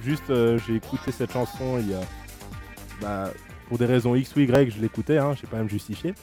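A man's voice: mid-range voice, a little fast, warm tone, soft background music. A man in his twenties hosting a blind test in casual chat, teasing and playful, laughing often. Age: 20s. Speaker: radio host running a blind test.

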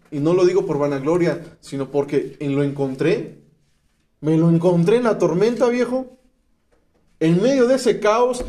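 Speaking at a rehab center, a man with a Mexican accent reads scripture and explains it in a slangy, emphatic testimony sermon. His pitch is high, yet the tone is warm and mellow, never sharp.

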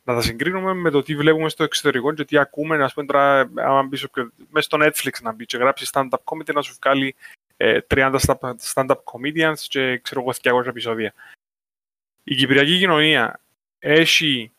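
A man with a Cypriot Greek accent, co-hosting a podcast, animated in a casual discussion, giving examples and asking questions. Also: medium pitch, no echo. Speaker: podcast co-host.

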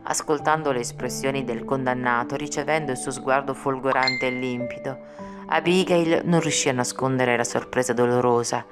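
A woman narrating an audiobook in a measured, solemn reading. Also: rumbling low, little pitch movement. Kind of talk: scripted narration. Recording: music playing behind. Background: music.

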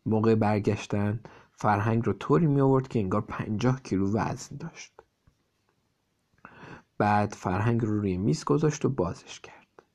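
Man, reading aloud at home to a kid, relaxed, simple explanations. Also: fairly low pitch, pauses often. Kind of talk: reading a storybook aloud and chatting.

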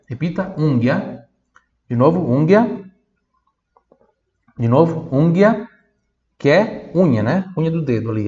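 A man with a Brazilian Portuguese accent teaching an online Italian lesson, repeating words slowly and spelling them letter by letter. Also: mid-range voice, a little mellow, reverberant, muffled recording. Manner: slow syllable-by-syllable drilling, spelling words letter by letter.

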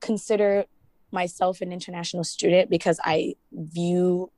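Young woman student rep from Ghana, raised in the US, lowish voice, chatty with fillers, dry sound. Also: little pitch movement, normal speed, dark tone, dry recording. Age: young adult. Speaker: student representative. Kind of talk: casual interview.

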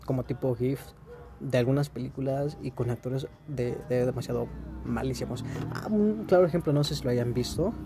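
A man's voice: mid-range voice, moderate pace, music in the background. A man with a Mexican accent, talking casually and rambling in a laid-back, slangy way to his listeners. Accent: Mexican Spanish. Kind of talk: casual monologue.

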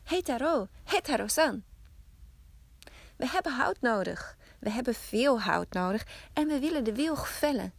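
A woman's voice: fairly high pitch, lively intonation, unhurried, gravelly, no room sound, voice pushed up, heavily acted. A woman doing an eager old village elder. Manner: emphatic, insistent coaxing.

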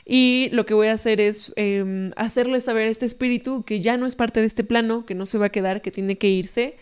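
A young woman with a Mexican accent tells a story in a relaxed conversation. She keeps it animated, often tags her lines with a questioning "¿no?", and acts out the people she quotes. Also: fairly high pitch, normal speed, clear, resonant tone. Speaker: podcast guest storyteller. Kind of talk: casual storytelling.

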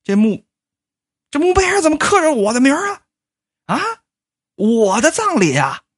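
Woman doing a cocky young guy, swaggering, stammering, lively swooping pitch. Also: moderate pace. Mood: flustered. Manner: swaggering, quarrelsome, bursts into flustered stammering. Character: brash cocky young man back from the dead. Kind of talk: comic storytelling.

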